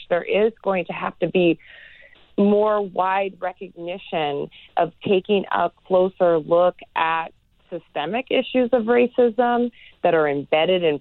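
A woman professor speaks in an earnest, measured way, often pausing on "you know." Her voice sits a little low. The sound is dry and tinny, as if over a phone line. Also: dry recording. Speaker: guest, neuroscience professor. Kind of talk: interview answers.

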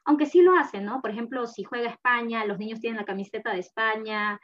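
Woman, guest, chatty and warm-paced, dull lo-fi mic. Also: on the high side, a little fast, slight background noise. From Peru. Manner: chatty, frequent fillers and laughter. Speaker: guest, mother. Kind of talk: casual conversation. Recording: slightly dull lo-fi recording.

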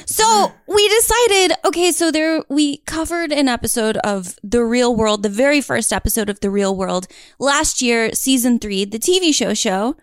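A woman co-hosting a podcast in casual chat, bubbly and quick to laugh. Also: fairly high pitch, clean tone, dry recording, studio quality. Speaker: podcast co-host.

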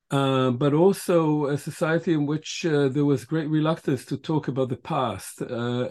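A man in his sixties from Israel speaks as a guest historian in a podcast interview. His voice is mellow and warm, and he talks in a measured way, pausing often as he thinks. He answers at length and reflectively. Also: medium pitch. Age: 60s. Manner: measured, frequent filler pauses.

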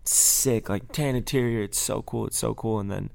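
A man's voice: lowish voice, fairly even intonation, moderate pace, vocal fry, a little mellow, no echo. A young man from Michigan, a musician guest, talking in a loose, chatty way on a podcast. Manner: loose and chatty, lots of likes. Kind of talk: casual podcast interview.

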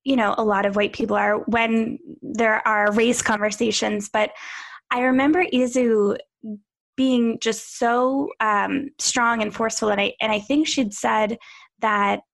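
A woman from Pennsylvania telling her story as a podcast guest in a casual interview, thoughtful and halting at times. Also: on the high side, fairly even intonation, gravelly, fairly bright tone. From Pennsylvania, USA.

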